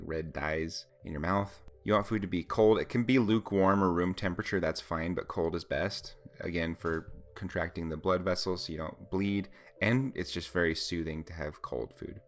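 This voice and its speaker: A man's voice: deep voice, a bit bright. A man giving a casual, first-person account with practical advice, in an informal, explanatory way. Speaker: vlogger recounting a personal experience.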